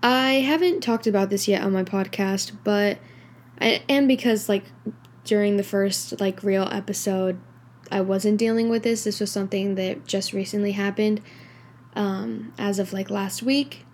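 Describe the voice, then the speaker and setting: A woman's voice: medium pitch, fairly even intonation, measured pace, a little mellow, a little hiss or hum. A young woman hosting her own podcast, talking candidly in a rambling way, full of fillers, tired and yawning late at night. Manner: candid, rambling, heavy use of filler like and you know. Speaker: podcast host. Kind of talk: casual solo podcast monologue.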